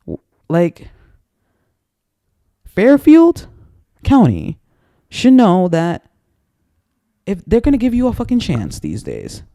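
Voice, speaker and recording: A man's voice: sits high, dark tone, dry recording, studio quality. A man in an angry, profane, rambling personal rant to camera, repeating himself as he gets worked up. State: emotionally worked up.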